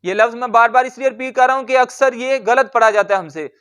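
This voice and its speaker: A man with a very high, bright voice leads a Quran recitation lesson. His tone is smooth and clear, and he drills each word slowly, asking questions and then answering them himself.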